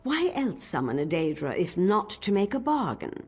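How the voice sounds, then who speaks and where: A woman voicing an imperious old wizard master in a fantasy game, husky, formal and haughty in a measured delivery. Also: fairly low pitch, big pitch swings, darkish tone, faint music behind, heavily acted. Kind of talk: fantasy game dramatic acting.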